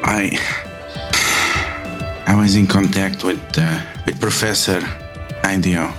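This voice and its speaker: A man voicing a weak, confused young woman recovering in bed in a tabletop role-play, speaking haltingly. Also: low-pitched, fairly even intonation, over music. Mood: dazed. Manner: halting, hesitant.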